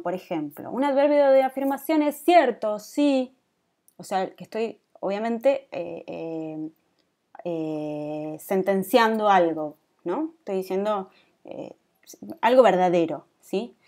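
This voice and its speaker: A woman with a Rioplatense Spanish accent gives a class lecture in a mellow, relaxed voice at a middle pitch. She explains patiently and keeps checking in with her students with a quick questioning "¿sí?". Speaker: teacher.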